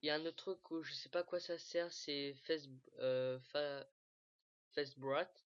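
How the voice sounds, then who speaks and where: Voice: mid-range voice, fairly even intonation, normal speed, clean tone, dry recording. A speaker walking viewers through a game tool in a casual screen-recorded tutorial, hesitating often, with many fillers and restarts. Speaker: gaming tutorial maker. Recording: dull lo-fi dry mic.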